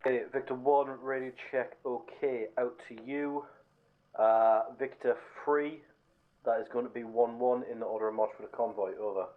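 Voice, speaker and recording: A man giving brisk, formal convoy orders and call signs over a walkie-talkie radio net. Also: medium pitch. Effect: heard over a walkie-talkie radio net. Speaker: convoy commander in a military sim game. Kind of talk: clipped radio procedure. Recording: muffled lo-fi radio with faint hiss.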